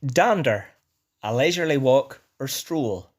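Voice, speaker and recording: A man's voice: medium pitch, lively intonation, a little slow. Man narrating a language lesson. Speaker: narrator of an educational language video. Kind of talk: scripted explanatory narration.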